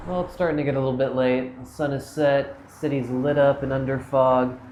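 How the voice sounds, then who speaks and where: A man's voice: medium pitch, fairly even intonation, brisk, darkish tone, a little hiss or hum. A man narrating a casual travel vlog, chatty and informal, talking straight to his viewers. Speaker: travel vlogger.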